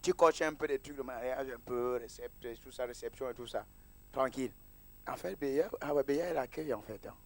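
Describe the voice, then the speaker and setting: A man's voice: medium pitch, fairly quick. A man preaching as pastor at a church service, casual and teasing, mixing sermon with banter with the congregation.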